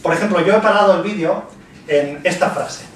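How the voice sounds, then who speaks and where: A man's voice: high-pitched, fast, very echoey, distant mic, a little hiss or hum, poor audio. Chatty man. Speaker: video commentator. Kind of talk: casual explanation.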